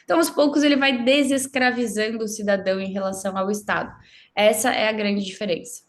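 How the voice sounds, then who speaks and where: A woman's voice: mid-range voice, fairly even intonation, a little fast. A woman from Brazil, a guest in an interview, explaining her views in a fluent, assertive and emphatic way. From southern Brazil.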